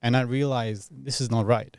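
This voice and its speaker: A man in his thirties from Iraq, talking as a podcast guest in a thoughtful, reflective way, pausing often and laughing easily. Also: mid-range voice, fairly even intonation, vocal fry, a little mellow, smooth, no room sound, clean studio sound. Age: 30s. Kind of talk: casual reflective interview talk.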